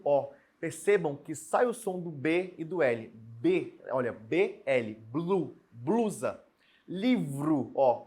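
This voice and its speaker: A man teaching a recorded Portuguese lesson, explaining step by step and spelling out example words slowly. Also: on the high side, husky. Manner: explains step by step, asks students questions and answers them.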